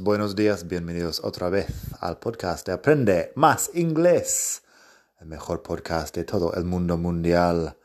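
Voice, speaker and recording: A man hosting a learning podcast, speaking Spanish with as his language, calmly explaining and repeating example phrases. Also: fairly low pitch. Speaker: podcast host and English teacher. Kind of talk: casual podcast lesson.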